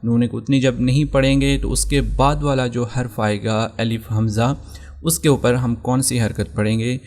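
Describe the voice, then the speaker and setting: This Quran teacher, a man with a Pakistani Urdu accent, has a gravelly, creaky, mid-pitched voice with a darkish tone and fairly even intonation. He explains recitation rules patiently, one step at a time, going back over each rule and slowing down for every example.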